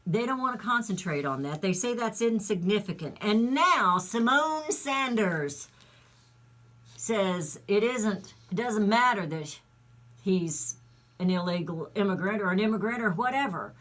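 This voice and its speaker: A woman's voice: medium pitch, lively intonation, moderate pace. A woman hosting a talk radio show, delivering an indignant, emphatic monologue with rambling asides.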